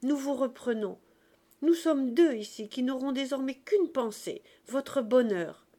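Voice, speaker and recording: A woman's voice: high voice, unhurried, mellow, pitched above the performer's own voice. A woman reading the part of an earnest young man, urgently pleading in a raised voice. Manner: insistent, raised voice.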